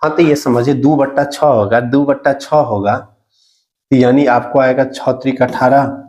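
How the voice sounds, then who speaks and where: A man's voice: medium pitch, steady tone, measured pace, a little mellow. A man teaching a math lesson for exam prep, talking through sums step by step and asking the student questions that he answers himself. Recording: echoey room recording.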